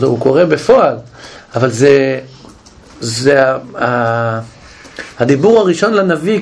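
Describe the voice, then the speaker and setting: A man's voice: mid-range voice, creaky, slight background noise. A man teaching a Bible study class, explaining with questions and frequent restarts. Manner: questioning, animated, with many restarts.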